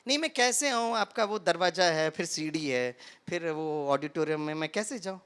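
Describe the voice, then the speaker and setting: A man voicing an anxious, stubborn man who believes he is a car, in a high pleading voice. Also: lively intonation, normal speed, fairly bright tone, clear, resonant tone. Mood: fretful pleading.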